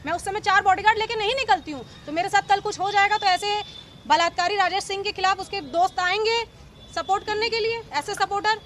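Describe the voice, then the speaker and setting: A woman's voice: extremely high pitch, fast talker, a bit bright. A woman in her thirties, a local politician, speaking emphatically and accusingly to reporters outdoors on a city street. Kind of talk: street press interview.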